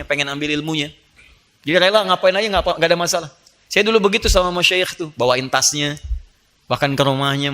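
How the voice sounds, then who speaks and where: A man preaching a lively sermon, playful and animated, joking with the audience and acting out little scenes. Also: fairly high pitch. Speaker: Islamic preacher.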